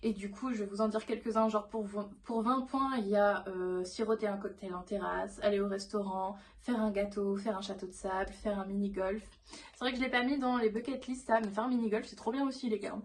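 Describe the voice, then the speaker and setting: Young woman, vlogger, casual chat, rambling, enthusiastic, middle pitch. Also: steady tone, brisk. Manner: rambling, with many fillers and restarts.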